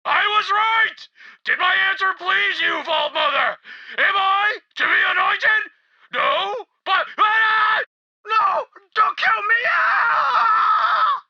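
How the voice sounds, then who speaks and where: An actor playing a frantic bandit cultist in a video game, shrieking, pleading and sobbing. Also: male voice, very high-pitched, lively intonation, a little slow, vocal fry, lo-fi sound, exaggerated voice. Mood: hysterical.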